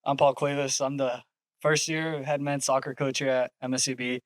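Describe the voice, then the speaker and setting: A man who is a head soccer coach, answering interview questions in a measured, hesitant way with pauses. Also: medium pitch, little pitch movement, no echo. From Yakima, Washington.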